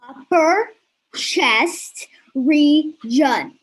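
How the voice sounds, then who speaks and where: A woman's voice: sits high, animated, very slow, heavily acted, poor audio. A woman playing a blunt, grim talking raven who sounds indifferent, in a stage comedy. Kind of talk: student stage comedy acting.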